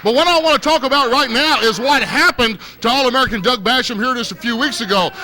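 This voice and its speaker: A man's voice: very high voice, fast talker, sharp tone. A man doing live play-by-play commentary for a wrestling match in an arena, folksy and hesitant with frequent fillers. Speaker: play-by-play announcer. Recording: noisy arena recording.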